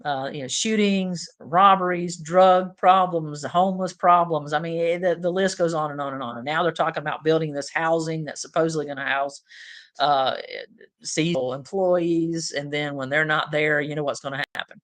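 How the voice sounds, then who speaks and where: A man's voice: fairly high pitch, steady tone, moderate pace, fairly bright tone. A man hosting a political podcast, talking in a casual, opinionated way with many fillers.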